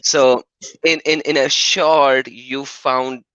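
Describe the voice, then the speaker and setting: Upbeat bright-voiced male stream host. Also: medium pitch, level tone, slow pace, clear, resonant tone, dry recording. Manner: upbeat, enthusiastic, laughs often. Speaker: livestream host. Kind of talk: casual live-stream chat. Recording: dry, dull lo-fi stream audio.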